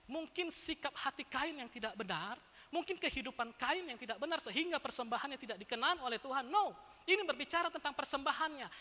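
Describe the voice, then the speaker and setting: Woman preacher, high bright voice, emphatic and playful, reverberant church. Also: lively intonation, brisk. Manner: emphatic, rhetorical questions, playful asides to congregation. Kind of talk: sermon. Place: church sanctuary. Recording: long church-hall reverb.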